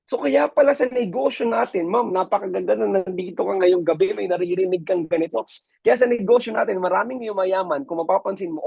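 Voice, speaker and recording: Husky Filipino man giving a motivational talk. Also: high voice, no echo. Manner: animated storytelling, keeps addressing the audience as ma'am and sir. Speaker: business mentor. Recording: dull lo-fi, dry sound.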